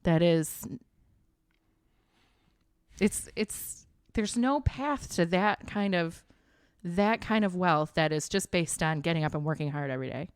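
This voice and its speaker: A woman's voice: lowish voice, a little slow, smooth, dry recording, clean studio sound. A woman in her forties co-hosting a podcast, chatting casually with strong opinions and recounting points in a plain, indignant way. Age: 40s. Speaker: podcast co-host.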